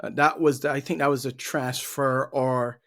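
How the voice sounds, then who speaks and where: A middle-aged man from Barbados talks casually as a guest on a podcast. His pitch sits in the middle of the range for a man. He answers at a relaxed pace and often repeats a word or two while he gathers his thoughts. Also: moderate pace. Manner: easygoing, repeats words while thinking. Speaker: guest, leadership trainer.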